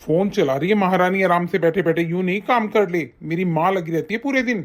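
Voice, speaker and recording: A woman voicing a hot-tempered young husband and son in an animated story, harsh and commanding. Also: fairly low pitch, fairly quick, close to an everyday voice. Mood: angry.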